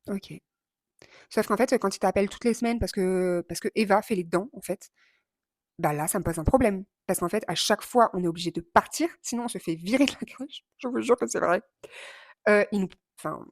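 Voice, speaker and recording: Woman, 30s, fiery vlog storyteller, quick mimicry, dry close sound. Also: on the low side, dry recording. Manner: animated, impulsive, swears and mimics others. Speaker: vlogger.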